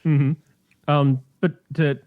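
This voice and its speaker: A man's voice: on the high side, little pitch movement, drawn-out words, no echo. Hesitant man co-hosting, dull lo-fi sound. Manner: rambling, hesitant, lots of fillers and restarts. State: chewing on a cough drop. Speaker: podcast co-host. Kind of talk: casual chat.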